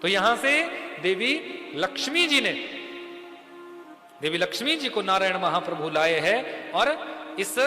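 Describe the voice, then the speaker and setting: Guy preaching a devotional story, pretty high voice, big echoey hall, music going behind. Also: takes it slowly, long pauses. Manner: lively, addresses listeners directly with rhetorical questions.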